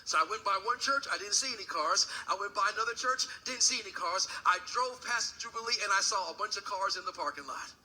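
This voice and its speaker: A pastor preaching a sermon into a pulpit microphone in a church, moving from a hushed story to shouted preaching. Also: male voice, high voice, animated, quick pace, few pauses, soft background music, low-quality recording. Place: church sanctuary.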